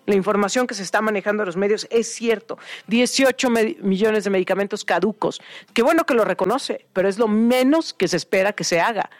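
A woman's voice: medium pitch, no room sound. A woman anchoring a radio news show, giving opinionated commentary with pointed, indignant questions.

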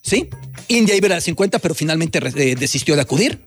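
A man holds forth on a sports talk panel, rattling off facts and lists from memory in a notably high voice. Faint music sits under him. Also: expressive, fast. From Mexico. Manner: lecturing, reels off facts and lists.

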